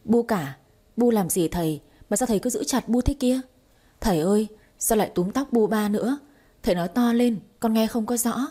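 Woman doing a stern, commanding young woman in a storybook, mellow husky voice. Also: on the high side, moderate pace. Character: sharp-tongued young woman playing medium, bold and cunning.

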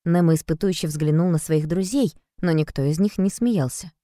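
A woman reading a children's story aloud with an even, clear delivery. Her voice sits on the low side. The recording is dry and close-miked. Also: moderate pace, no room sound. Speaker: narrator. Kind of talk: storybook narration.

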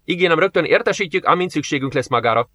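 A man voicing a hot-tempered male first officer who gives sharp, commanding orders. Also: fairly high pitch, animated, voice pushed up. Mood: stern.

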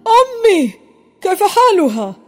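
Young boy prince, earnest and loud, high voice, kids audio drama w faint music. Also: big pitch swings, a little slow, full character voice. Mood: excited. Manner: emotional, calling out loud.

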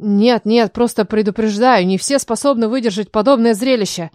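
A nervous male court healer explains his work in a fussy, businesslike manner, as a woman reads him in a storybook. The voice is fairly high and the recording dry. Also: normal speed, darkish tone, no echo, close to an everyday voice.

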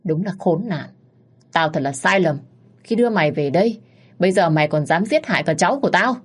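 A woman's voice: lowish voice, lively intonation, fairly quick, husky. A woman voicing a cruel, cowardly older mother-in-law in a storybook reading. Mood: harsh. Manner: harsh, then pleading.

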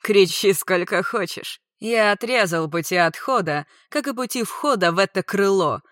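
A woman voicing a menacing male villain who speaks in slow, drawn-out, loud threats. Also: medium pitch, no echo, clean studio sound. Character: menacing predatory young man, villain.

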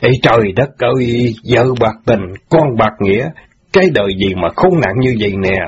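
A jilted middle-aged husband, played by a man, bitter and quick to anger, pleading with the wife who left him. He speaks in a low, husky voice. The audio story sounds dull and lo-fi. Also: darkish tone. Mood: grieving.

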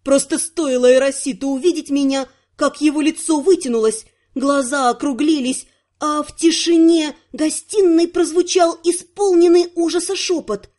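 A woman's voice: high-pitched, steady tone, normal speed, a little mellow. A woman reading a first-person fantasy novel aloud, narrating expressively. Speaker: audiobook narrator.

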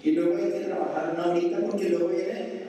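Mellow-voiced woman preaching in echoey hall. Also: fairly low pitch, steady tone, fast. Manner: storytelling, acts out pleading prayers. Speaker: pastor. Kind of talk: sermon. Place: church. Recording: echoey church hall, mic far off.

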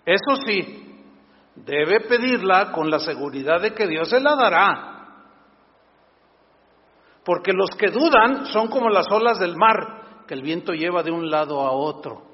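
A Mexican pastor preaching an animated, sarcastic sermon to his congregation in a church hall. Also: sits high, a little slow, pauses often. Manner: animated and sarcastic, acts out scenes. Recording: dull recording with long church reverb.

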